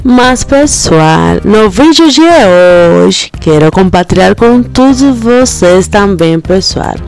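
A woman's voice: mid-range voice, creaky, darkish tone. A young Cuban woman with a Cuban accent, chatting to her viewers and saying "pessoal" again and again. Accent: Cuban Spanish. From Cuba. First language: Spanish. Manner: chatty, repeats "pessoal" often. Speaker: vlogger. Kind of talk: casual vlog talk to camera. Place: supermarket and street, indoors and outdoors.

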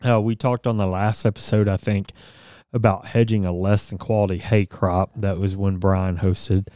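A man's voice: sits low, little pitch movement, normal speed, dark tone, clean tone, no echo. A man in his thirties co-hosting a farm news podcast in a small studio, talking casually and reading crop statistics with frequent fillers. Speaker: podcast co-host. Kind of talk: casual radio-style news chat. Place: small studio office with bookshelves. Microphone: studio mic on boom arm, headphones.

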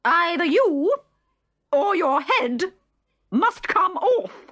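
A woman voicing an imperious, raging queen with a screeching, shrill delivery in a children's storybook reading. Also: very animated, fairly bright tone, exaggerated voice. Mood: threatening. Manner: bellowing commands, drawn-out words.

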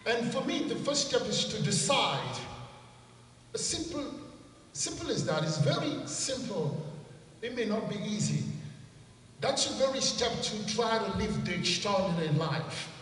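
A man in his forties from Cameroon with a Cameroonian accent, giving an earnest, measured inspirational talk into a handheld mic at an event. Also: sits high, big pitch swings, fairly bright tone, far from the mic, a little hiss or hum. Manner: earnest, measured, repeats for emphasis. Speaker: motivational speaker. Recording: echoey hall, heard from afar.

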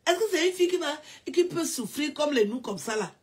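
A woman in a casual mocking rant, mixing teasing questions with drawn-out mock wailing. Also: sits high, animated. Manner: mocking, with drawn-out mock wailing and repeated sing-song cries. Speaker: commentator.

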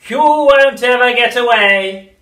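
A reader voicing a nasty, witchlike old grandmother in a storybook reading, slow and loud with drawn-out gloating words, recorded in a roomy space away from the mic. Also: medium pitch, far from the mic, voice pushed up. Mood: menacing.

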